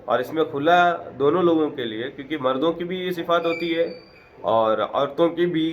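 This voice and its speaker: A man's voice: fairly high pitch, slight background noise. A man teaching a Quran lesson, reciting short phrases in Arabic and then explaining each one in plain, conversational words with earnest, repetitive emphasis.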